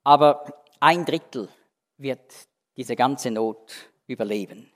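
A man preaching an expository Bible sermon, emphatic, switching between loud stressed words and quiet, low phrases. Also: slow, in a large hall.

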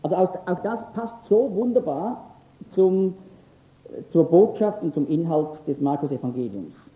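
Bible teacher, male, earnest, emphatic, some filler pauses, thin phone-band sound in a roomy echo. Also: a little high, expressive. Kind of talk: lecture on scripture. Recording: echoey, phone-like lo-fi recording.

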